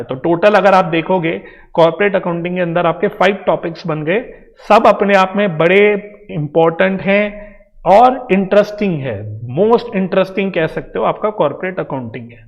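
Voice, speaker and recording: A man's voice: sits high, normal speed. A man with an Indian accent, teaching accountancy in an online coaching lecture, explaining patiently and addressing students directly. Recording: dull sound with long reverb.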